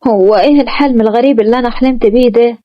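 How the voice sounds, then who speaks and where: A woman playing a sharp-tongued Egyptian bride. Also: on the high side, lightly acted. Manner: quick, sassy retorts. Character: defiant young bride, sharp-tongued and stubborn. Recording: muffled lo-fi recording.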